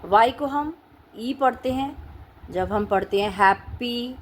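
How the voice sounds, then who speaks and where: A woman teaching phonics, spelling words out letter by letter in a slow, deliberate way. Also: a little high, slight background noise, rough recording. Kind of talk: classroom-style phonics lesson.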